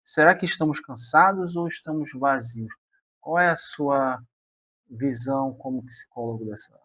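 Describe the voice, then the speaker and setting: A man's voice: mid-range voice, moderate pace, pushed and bright, dry recording. A man hosting a podcast, chatting casually, asking questions and joking with his guest. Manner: chatty, asks questions, jokes. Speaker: podcast host.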